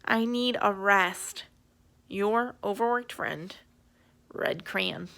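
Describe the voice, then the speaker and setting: A woman's voice: medium pitch, slow, gravelly, a bit bright. A woman voicing an overworked, exasperated red crayon in a children's storybook, complaining emphatically and wearily. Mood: overworked, indignant. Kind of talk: children's storybook read-aloud.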